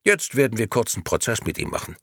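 A man voicing a smug, calculating grey gentleman in an audiobook. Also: on the low side, huge pitch swings, fast, creaky, breathy edge, dry recording, studio quality, exaggerated voice.

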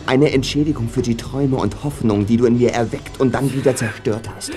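A man's voice: mid-range voice, brisk, a little mellow, close to an everyday voice. An actor playing a vengeful male blackmailer in an audio drama, theatrical in delivery. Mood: cold, demanding. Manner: menacing, theatrical.

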